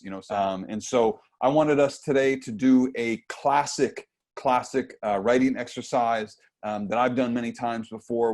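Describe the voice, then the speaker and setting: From a bookshelf-lined room at home, a man with a low voice leads a workshop on a video call using an earphone mic. His manner is easygoing and chatty, full of fillers.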